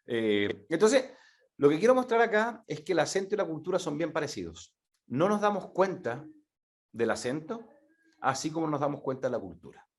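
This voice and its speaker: A middle-aged Chilean man giving a talk to an audience, animated and repeating words for emphasis. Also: a little high, moderate pace. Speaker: speaker presenting a methodology.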